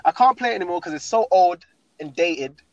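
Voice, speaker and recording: Young male, London roadman accent, emphatic slangy chat, higher-pitched, dull lo-fi sound. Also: expressive, fairly quick, no echo. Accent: London, urban roadman slang style. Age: young adult. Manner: slangy, emphatic, repeats phrases. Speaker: guest talking through favourite games. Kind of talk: casual chat.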